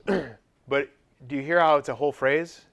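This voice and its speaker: A man's voice: on the high side, fairly quick, vocal fry, fairly bright tone. Male teacher quizzing his class. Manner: quizzes students, scats examples. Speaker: music teacher. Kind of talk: classroom lecture.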